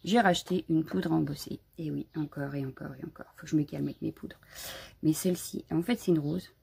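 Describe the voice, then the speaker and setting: A woman's voice: low-pitched, fairly quick, vocal fry, a little mellow, breathy edge. A woman hosting a casual live crafting stream from home, chatty and a bit scattered, greeting viewers as she shows her supplies. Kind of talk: casual live unboxing chat.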